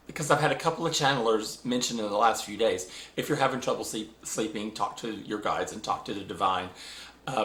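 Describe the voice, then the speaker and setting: Bright-voiced man telling a spiritual story. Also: lowish voice, roomy sound. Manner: animated, laughs often, many fillers and restarts. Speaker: spiritual vlogger. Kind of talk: casual storytelling monologue.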